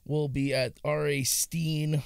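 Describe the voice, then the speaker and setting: A man guest on a podcast in casual chat, joking, crude and lively as he plugs his products. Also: fairly high pitch, slow, vocal fry, clear, resonant tone, no room sound. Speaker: guest, hot sauce maker.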